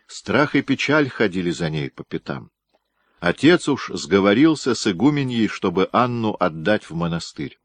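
A man reading a historical novel aloud in measured narration. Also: on the low side, no room sound. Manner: measured, storytelling. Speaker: audiobook reader. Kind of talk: scripted narration.

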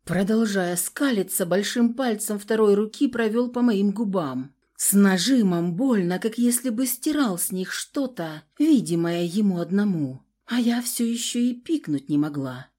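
A woman narrating a first-person audiobook with a dramatic, expressive delivery. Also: mid-range voice, unhurried, few pauses.

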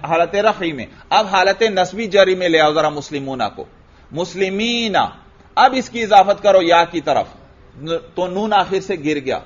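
In what sounds like an old classroom tape, dull and lo-fi, a fairly high-voiced man teaches grammar. He asks question after question, supplies the answers on his own, and says each important word twice.

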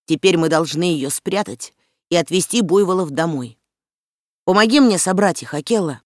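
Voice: medium pitch, expressive, moderate pace, dry recording, clean studio sound, natural voice. The audiobook reader voicing a defiant boy raised by wolves who gives orders and mocks his attackers. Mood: commanding.

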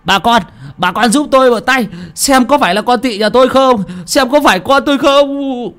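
A man's voice: very high-pitched, moderate pace, pitched above the performer's own voice. Man doing a cursing enraged old villager. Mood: frantic. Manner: shouting curses. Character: furious old village man, grieving father.

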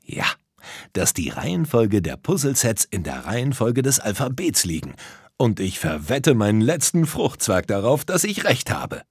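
A man voicing a clever, thoughtful little storybook hero who speaks slowly. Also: mid-range voice, huge pitch swings, husky, dry recording, clean studio sound, heavily acted. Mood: knowing. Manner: slow and thoughtful. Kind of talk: storybook character voice.

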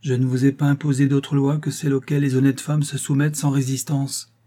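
A stern, proud husband, voiced by a male reader in an audiobook, pressing his points with grave emphasis. The voice is dark and husky, slightly raised when he grows heated. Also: mid-range voice, fairly even intonation, normal speed, lightly acted.

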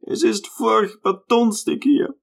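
A man doing a creaky, fretful old mother. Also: high-pitched, animated, fairly bright tone, pitched above the performer's own voice, heavily acted. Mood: weary. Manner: slow, fretful and sighing. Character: frail anxious old mother, childishly stubborn.

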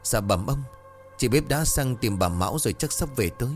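A man's voice: mid-range voice, animated, normal speed, faint music behind, voice pushed up, lightly acted. A man voicing a timid, deferential young servant girl in a told horror story.

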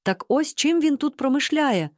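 A woman doing a shrill, scandalized mother. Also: expressive, normal speed, darkish tone, dry recording, studio quality. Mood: amazed. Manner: exclaiming, scandalized, breathless whisper-hiss. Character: indignant, excitable mother, middle-aged woman.

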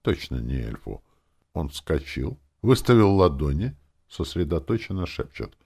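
Мужчина читает фэнтези-аудиокнигу от первого лица, драматично, то мрачно, то насмешливо. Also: male voice, extremely low pitch, big pitch swings, a little slow, a little mellow, husky. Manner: dramatic, swinging between grim and mocking. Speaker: audiobook narrator. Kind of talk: first-person audiobook narration.

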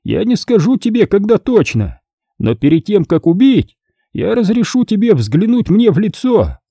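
A man voicing a vengeful male killer who taunts his victim in a slow, drawn-out, menacing way. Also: high-pitched, very animated, dark tone, breathy edge, dry recording, studio quality, voice pushed up, exaggerated voice.

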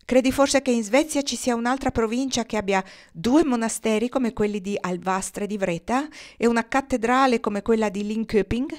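A woman's voice: on the high side, normal speed, few pauses, a little mellow, voice pushed up, natural voice. A woman reading aloud, voicing a proud, haughty noble lady who foretells the future. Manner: read aloud with light character voicing.

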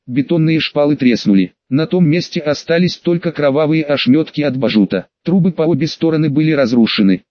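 Male audiobook narrator, somewhat high voice, steady and plain, dry dull booth sound. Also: dry recording. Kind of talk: scripted narration.

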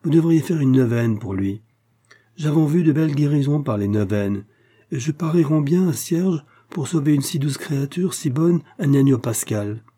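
A man's voice: a little high, expressive, normal speed, dark tone, slightly rough, voice pushed up. A man voicing a gossiping old peasant woman with rural dialect, rambling and fussing in an audiobook reading. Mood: fretful gossip. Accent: rural French peasant dialect. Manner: rambling, fussing, rustic grammar.

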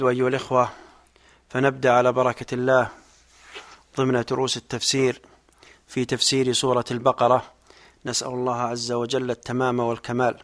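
A man delivers a religious lesson in formal Standard Arabic. His voice sits at a middle pitch. He explains scripture as a teacher does, in a didactic manner. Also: fairly bright tone. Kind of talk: religious lesson on Quran exegesis.

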